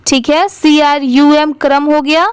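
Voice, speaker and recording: A woman's voice: high-pitched, flat delivery, unhurried, no echo. A woman with an Indian accent, an English teacher giving a reading lesson, spelling words out letter by letter and asking the viewer questions.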